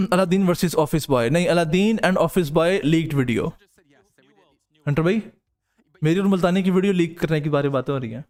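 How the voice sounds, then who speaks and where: A man's voice: a little high, moderate pace, pauses often, darkish tone. A young man, casually chatting with his stream audience as a tired, joking streamer and caster. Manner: joking, banters with chat, lapses into crude banter. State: tired from no sleep. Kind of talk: casual chat reading live comments.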